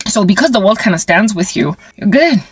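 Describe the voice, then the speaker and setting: A South African woman in her forties talking to camera in a casual, wry monologue. She is animated and playful, and she mixes in sound effects and phrases from local languages. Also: medium pitch, fairly quick, breathy edge. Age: 40s. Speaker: vlogger and ministry creator.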